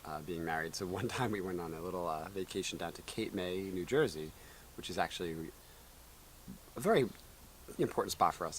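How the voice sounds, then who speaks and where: A man in his thirties, co-hosting a casual chat show and telling stories in a lively way. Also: low voice, slight background noise. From United States. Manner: lively storytelling, chuckling. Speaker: co-host. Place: outdoor backyard.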